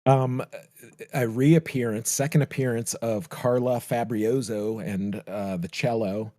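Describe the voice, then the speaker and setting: A man's voice: mid-range voice, fairly even intonation, a little slow, mellow, no echo, studio quality. A man co-hosting a podcast, chatting loosely about music with lots of "like" and "you know". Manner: rambling, full of "like" and "you know". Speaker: podcast co-host. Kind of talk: casual music discussion.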